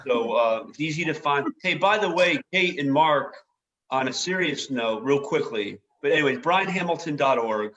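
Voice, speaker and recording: Relaxed joking man on a dull video call. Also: a little high. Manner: relaxed, joking, quick asides. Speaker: guest speaker, foundation head. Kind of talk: casual webinar talk.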